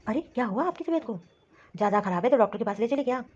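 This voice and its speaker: A woman voicing a worried son and scolding husband in an animated story, talking quickly and insistently. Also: on the high side, highs cut off. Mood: concerned, scolding. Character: grown son and worried husband, office worker.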